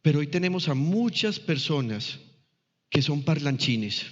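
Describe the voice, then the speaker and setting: A man with a fairly high voice delivers a sermon, pausing to ask the congregation questions as he teaches. His words ring out with a long hall echo. The recording sounds dull and lo-fi. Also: lively intonation. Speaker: pastor.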